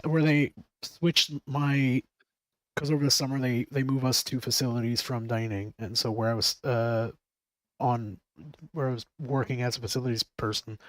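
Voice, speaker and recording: A man's voice: mid-range voice, no room sound, poor audio. A man chatting casually on a stream, rambling and swearing freely with frequent laughs. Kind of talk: casual chat.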